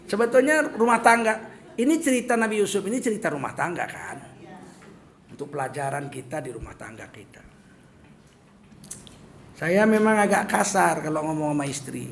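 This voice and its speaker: A man's voice: on the high side, moderate pace, pauses often. A middle-aged man from Medan with a Medan accent, giving a humorous sermon and acting out little scenes as he talks. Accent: Medan Indonesian. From Medan, North Sumatra. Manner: joking and animated, acting out little scenes in asides. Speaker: preacher.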